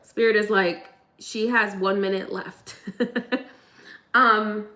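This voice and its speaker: A woman's voice: mid-range voice, steady tone, slow, sharp tone. A young woman working as a psychic medium, casually relaying messages from the dead with frequent laughter. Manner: laughing, relaying spirit messages in quoted voices. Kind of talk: live mediumship reading, casual.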